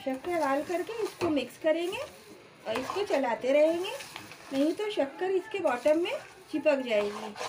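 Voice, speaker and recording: This cooking-channel host speaks in a high, animated voice at a moderate pace, with background noise present. In her home kitchen, she walks friends, as she calls her viewers, through a home recipe step by step in plain terms.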